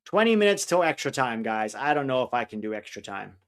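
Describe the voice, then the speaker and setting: Co-hosting a live soccer watch-along, this man talks in a mid-range, fairly bright voice with big pitch swings. He chats casually in a hard-to-place, mixed accent, blunt and opinionated and quick to let frustration out in his match commentary.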